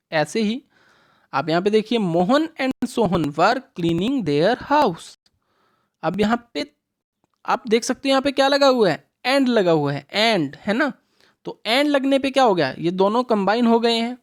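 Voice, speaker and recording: A woman at medium pitch leads a revision English lesson for schoolchildren, mixing Hindi with English words. She poses questions and answers them herself, and she reads English sentences out slowly.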